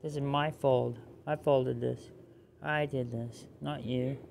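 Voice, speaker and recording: A man talks in a loose, rambling monologue, circling back to the same phrases and sinking into low mutters. His voice is heavily gravelly and rough, at an ordinary pitch for a man. A faint hiss of noise sits behind him. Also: fairly even intonation, slow pace, darkish tone. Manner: repetitive, drops to low mutters.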